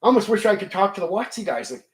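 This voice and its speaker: A man's voice: high-pitched, sing-song, quick pace. A man hosting his channel, casually recounting a tabletop game session, swearing freely and acting out quotes and sound effects. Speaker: channel host.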